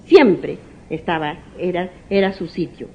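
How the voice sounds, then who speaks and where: A woman's voice: fairly low pitch, a little slow, vocal fry, lo-fi sound, slight background noise. A woman pastor preaching a sermon. She asks rhetorical questions, repeats her phrases and sometimes stumbles over names and restarts.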